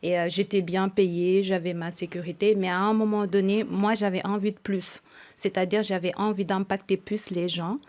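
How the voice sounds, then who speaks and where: A woman founding a project, answering as a radio guest in a measured, reflective way. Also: medium pitch, level tone, a little mellow. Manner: measured, reflective, repeats herself. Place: radio studio.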